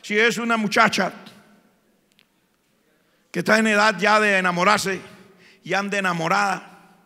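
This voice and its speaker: Colombian pastor guy preaching loud, high bright voice, long church echo. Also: fairly even intonation, measured pace. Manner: fervent preaching that rises to shouts. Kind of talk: sermon. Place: church sanctuary. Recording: long church hall reverb.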